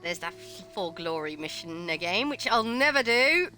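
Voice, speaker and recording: A woman's voice: fairly low pitch, sing-song, moderate pace, pushed and bright, soft background music. A woman streamer giving casual, playful commentary while she plays. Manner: chatty, playful asides.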